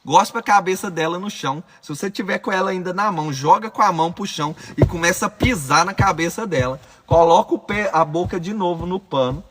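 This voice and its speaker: Homem, sotaque brasileiro, instrutor, voz aguda, tom intenso e firme, exercício de visualização guiada. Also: male voice, sits high, fairly quick, few pauses, a bit bright. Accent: Brazilian Portuguese. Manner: commanding, urgent directions in the second person. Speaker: course instructor.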